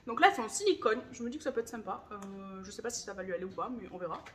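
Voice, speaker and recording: Thirties woman, high voice, chatty home-vlog delivery, faint background hiss. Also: animated, very fast, a bit bright. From France. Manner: chatty, enthusiastic, confiding. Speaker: vlogger. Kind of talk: casual grocery haul chat.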